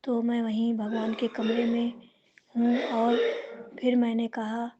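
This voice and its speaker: A woman sharing a devotional testimony, speaking slowly and reverently and chanting mantras. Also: on the high side, completely flat delivery, muffled recording, very noisy.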